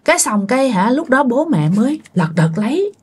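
A woman's voice: high-pitched, sing-song, a little fast, slightly rough. A woman, telling ghost stories in a chatty way that speaks to the listeners. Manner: chatty, addresses listeners with fillers. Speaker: storyteller. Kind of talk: casual ghost story narration.

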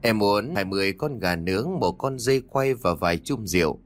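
Male narrator doing a greedy, taunting little girl; storybook audio, lively delivery. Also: fairly low pitch, normal speed, no room sound, lightly acted. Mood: sulky. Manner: bratty, sulky, taunting.

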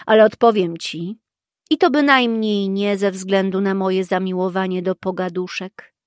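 Woman playing a composed male monster hunter, slow measured, dry sound. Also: mid-range voice, clean tone, dry recording, natural voice. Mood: stern. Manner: calm, measured. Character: calm dark-haired male witcher, steady and wry.

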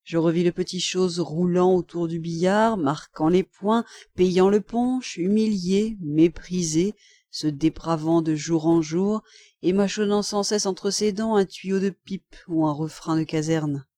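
A woman reading a classic novel aloud as an audiobook narrator, in a measured, expressive storytelling manner. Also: lowish voice, no room sound. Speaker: audiobook reader. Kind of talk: scripted literary narration.

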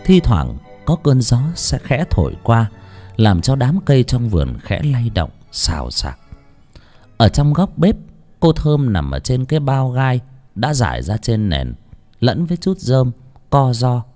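A man narrating a story in an unhurried, dramatic way. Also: medium pitch, wildly swooping pitch, mellow, soft background music. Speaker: audiobook narrator.

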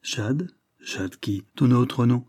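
A man voicing a shrewd gentleman who questions people calmly and firmly. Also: mid-range voice, no room sound, clean studio sound. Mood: probing. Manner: measured, questioning, firm. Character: shrewd gentleman adventurer, calm, probing.

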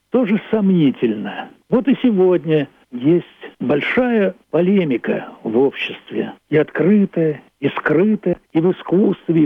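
An elderly playwright from Leningrad, Russia, in his 80s, gives a reflective radio monologue about his own play and about history. His husky, animated voice sits on the high side, and his phrasing is deliberate, philosophical and emphatic, with repetitions. The dry recording has a thin, band-limited sound like a phone line.

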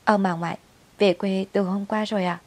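A woman voicing a scared little girl who pleads softly and whimpers in a storybook reading. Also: medium pitch, fairly even intonation, moderate pace, lightly acted. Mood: timid.

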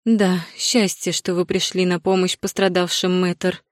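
A woman voicing a haughty, scheming aging stepmother who sneers and turns shrill. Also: flat delivery, measured pace, no echo, studio quality, close to an everyday voice. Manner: sneering, shrill when upset. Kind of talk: audiobook character voicing.

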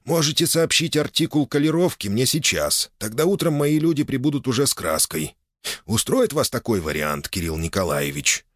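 A man's voice: mid-range voice, expressive, normal speed, no echo, clean studio sound, voice pushed up, natural voice. A man voicing a grumpy, formal old nobleman in his eighties in an audiobook. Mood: curt displeasure. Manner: stiff, displeased, formal.

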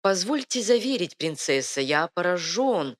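A woman voicing a charming, flattering nobleman with a soft, velvety manner in an audiobook. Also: lowish voice, measured pace, pitched above the performer's own voice. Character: velvet-voiced charming male lord, seductive. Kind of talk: audiobook reading.

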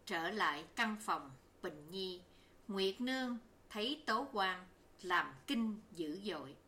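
A woman narrating a novel as an audiobook reader, in a measured, even storytelling manner. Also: medium pitch, a little hiss or hum.

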